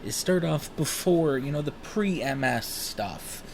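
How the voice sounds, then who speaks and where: A man in his thirties, smoking while he talks, telling rambling personal stories in a casual, animated way and swearing freely. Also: on the high side, takes it slowly, gravelly, slight background noise. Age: 30s. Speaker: vlogger.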